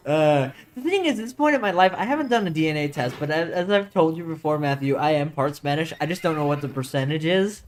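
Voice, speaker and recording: A man's voice: a little high, expressive, fast, few pauses, soft background music. A man co-hosting a casual podcast chat, joking and rambling with frequent laughs. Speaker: podcast co-host.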